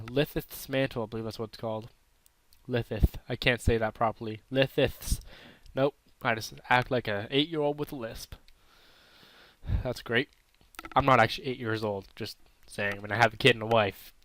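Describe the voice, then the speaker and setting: A man's voice: medium pitch, fairly bright tone, no room sound. A man with a throat irritation giving casual, unsure, self-correcting commentary while playing a mobile game. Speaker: gaming channel host.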